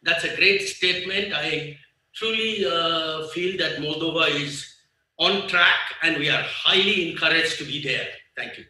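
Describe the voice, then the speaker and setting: A man in his sixties with a Nepali accent gives a guest speech at a business conference. His voice is bright and forceful, a little raised in pitch, and he drives his points home by repeating them between hesitant fillers. He is picked up from some way off the mic, with a heavy hall echo. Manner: emphatic, repeats key phrases, pauses with fillers. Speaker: business leader, guest speaker. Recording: echoey hall, voice far from the mic.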